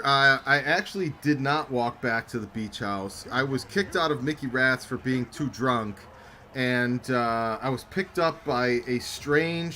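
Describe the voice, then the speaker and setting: A man's voice: mid-range voice, sharp tone, a little hiss or hum. A young man co-hosting a game-sim stream, chatting casually and rambling through anecdotes while reading chat aloud. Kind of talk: casual chat over a simulated football game.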